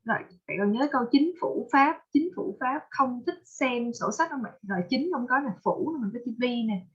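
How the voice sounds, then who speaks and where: A woman teaching English pronunciation with a Vietnamese accent, patiently drilling words and repeating them slowly. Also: high-pitched, expressive, slightly rough, lo-fi sound. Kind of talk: online pronunciation lesson.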